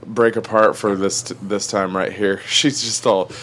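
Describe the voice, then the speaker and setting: A man chatting casually about a movie, telling it in an animated, profane way, often laughing. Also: on the low side, a little slow, slight background noise. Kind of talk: casual movie recap chat.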